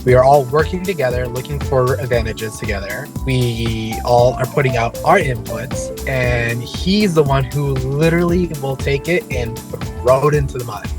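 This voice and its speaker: A man's voice: medium pitch, normal speed, hardly any pauses, over music. A man in a game confessional, frustrated as he recounts an ally's complaints. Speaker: contestant.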